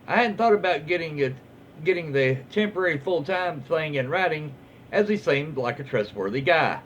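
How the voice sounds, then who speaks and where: In muffled, lo-fi audio with a bit of background noise, a man with a Southern US accent casually reads stories aloud as host. His fairly high voice has lively intonation and a fairly bright tone. He moves at a normal speed, and his style is homey and informal.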